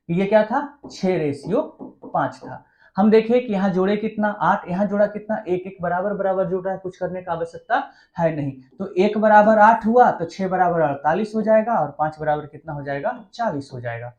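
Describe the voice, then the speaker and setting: A man's voice: high voice, darkish tone. A man teaching an exam-prep math lesson. He keeps asking the class questions and answering them himself in a chatty, coaxing way.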